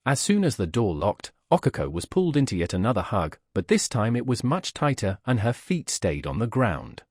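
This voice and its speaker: A man narrating a romance fanfiction story in an expressive, dramatic reading. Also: fairly low pitch, moderate pace, slightly rough, no room sound, clean studio sound. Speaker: fanfiction reader.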